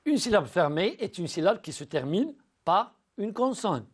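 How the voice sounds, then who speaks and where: This high, husky male voice belongs to a very animated teacher in a recorded school lesson. Patient with the pupils, he slowly sounds out syllables, frequently restarting and repeating words.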